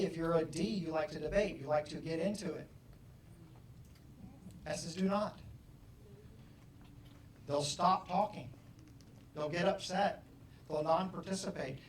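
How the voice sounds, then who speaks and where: A middle-aged man giving an animated motivational talk to an audience, acting out bits of dialogue with loud bursts. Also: fairly high pitch, moderate pace, pauses often, a little hiss or hum. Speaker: motivational speaker. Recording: roomy, distant hall mic, faint ambience.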